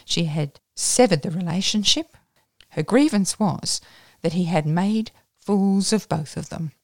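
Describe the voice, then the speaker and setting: A woman's voice: fairly low pitch, lively intonation, measured pace, dry recording, clean studio sound. A woman with an Australian accent reading a novel aloud and summarising it in a plain-spoken, unfussy way. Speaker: reader.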